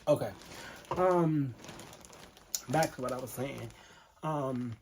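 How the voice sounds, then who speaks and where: A man's voice: mid-range voice, slow, a little mellow, slight background noise. A man vlogger telling an emotional storytime to camera, candid and earnest, talking straight to his viewers.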